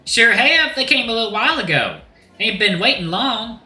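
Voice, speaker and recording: In an exaggerated voice pitched above his natural range, a man portrays a sassy, flamboyant rooster drag queen who owns a bar, with a put-on Southern accent. Very high-pitched, very animated, and sharp-toned at a moderate pace, he is folksy and effusive, using terms of endearment with a sassy, welcoming air. The sound is reverberant.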